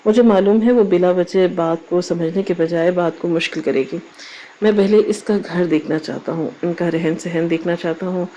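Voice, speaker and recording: Woman reading as a calm, kindly older father in an audio story, low and mellow, gentle and steady. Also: slight background noise, close to an everyday voice, low-quality recording. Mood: reassuring.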